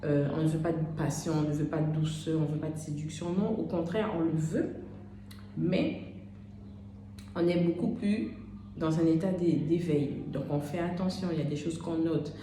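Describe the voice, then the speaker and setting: Woman, 30s, low voice, off-the-cuff coaching talk, very echoey room. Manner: unscripted, addresses listener as "tu", many "euh" pauses. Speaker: life coach. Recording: very echoey room with steady background noise.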